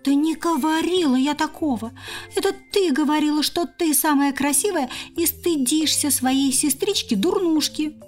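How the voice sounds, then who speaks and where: A woman's voice: sits high, moderate pace, darkish tone, soft background music, voice pushed up, natural voice. A woman voicing a smug, vain young female squirrel with a teasing tone.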